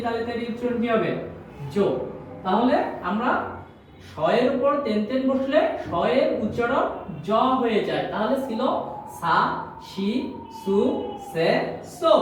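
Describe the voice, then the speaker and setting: A woman's voice: on the high side, darkish tone. Echoey far-off woman teaching a class. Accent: Bangladeshi Bengali. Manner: repetitive drilling, asks and answers own questions. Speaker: Japanese language teacher. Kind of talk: classroom lesson. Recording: very echoey room, voice from far off, faint noise.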